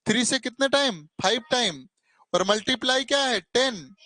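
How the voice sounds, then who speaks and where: A man's voice: extremely high pitch, animated, moderate pace, sharp tone, dry recording. Coaxing male maths tutor, dry sound. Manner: coaxing, mildly scolding, calls students "beta". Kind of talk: live classroom teaching.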